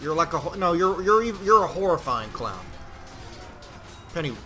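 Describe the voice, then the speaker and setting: A man giving casual, profane, rambling commentary while he plays a game, now and then bursting into shouts. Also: fairly high pitch, sing-song, moderate pace. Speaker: gameplay commentator. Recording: loud game music behind the voice.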